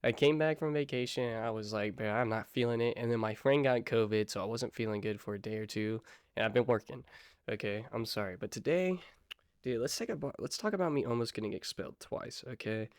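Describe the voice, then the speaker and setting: A young man tells a story to his viewers in a relaxed, slang-filled way, often pausing to apologize or check in with them. His voice sits at an ordinary middle pitch. The recording is dry, with no room sound around him. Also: smooth, dry recording. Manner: slangy, laid-back, apologetic asides. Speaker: vlogger. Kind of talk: casual storytime vlog.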